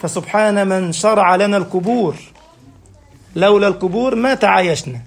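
A man's voice: sits high, fairly quick, creaky. A man with an Egyptian Arabic accent giving a religious lecture. He asks his listeners rhetorical questions and answers them himself, explaining step by step with everyday examples. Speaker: preacher.

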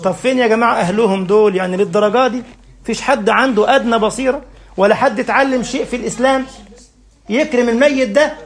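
A man preaches in an Egyptian Arabic accent, his voice sitting high for a man. He keeps throwing questions at the listeners and answering them himself. He walks through each point with homely, everyday examples. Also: fast talker. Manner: explains step by step with everyday examples. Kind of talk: religious lecture.

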